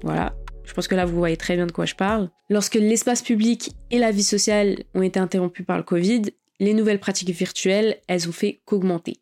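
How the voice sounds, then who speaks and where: A woman's voice: medium pitch, fairly even intonation, a little fast, a little mellow, soft background music. A woman hosting a podcast, talking casually and with slang about digital art. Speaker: podcast host.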